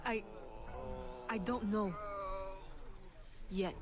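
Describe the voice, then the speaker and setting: A woman voicing a calm, determined young heroine in a video game, speaking formally. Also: mid-range voice, extremely slow. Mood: firm. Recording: game audio with music behind.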